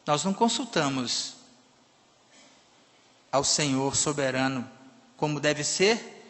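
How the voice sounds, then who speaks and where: A male preacher delivers an emphatic sermon. His voice sits high for a man and rings bright and forceful. A long church-hall reverb trails every phrase. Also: lively intonation, slow. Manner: emphatic, with sudden swings between loud and soft. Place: church sanctuary.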